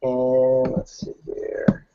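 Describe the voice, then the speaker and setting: A teacher gives a casual rundown of how his classroom works, repeatedly restarting his sentences. His mid-range voice is dark and monotone, with drawn-out words. The informal presentation is recorded in dull lo-fi.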